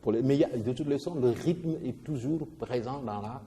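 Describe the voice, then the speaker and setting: A man, teaching a poetry lesson in an animated way, stressing syllables and often restarting his words. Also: medium pitch, fairly quick, noisy background. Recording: long reverb.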